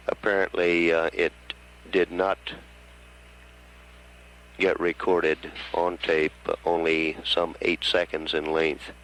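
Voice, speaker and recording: A man giving formal mission status announcements as a control centre announcer, with halting, hesitant delivery. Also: sits low, a bit bright, low-quality recording. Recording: faint hum on archival broadcast line.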